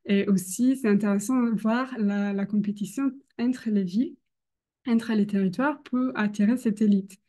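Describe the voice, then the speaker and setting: A young woman with a foreign accent, a non-native speaker, gives an academic presentation hesitantly, often pausing to search for words. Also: mid-range voice, steady tone, mellow. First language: not French. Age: young adult. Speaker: doctoral researcher presenting.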